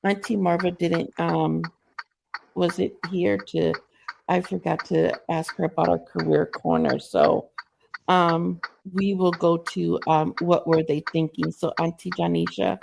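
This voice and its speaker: A woman's voice: lowish voice, unhurried, vocal fry, noisy background. A woman hosting a casual talk show who retells stories vividly and acts out the people in them. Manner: lively retelling, acts out quoted people, many yeps. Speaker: host. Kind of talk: casual chat.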